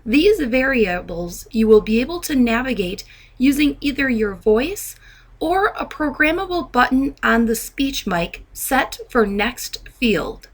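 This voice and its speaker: A fairly high-voiced woman narrates a software tutorial in a sing-song, somewhat slow manner. Like an instructor, she guides the listener step by step in a methodical way.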